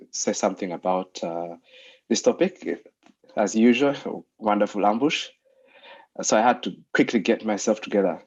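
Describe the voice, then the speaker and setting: A man's voice: on the low side, a little mellow. A man from Uganda giving an online talk as a doctor and lecturer, speaking hesitantly with many fillers over a video call. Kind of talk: online presentation. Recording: muffled video call audio.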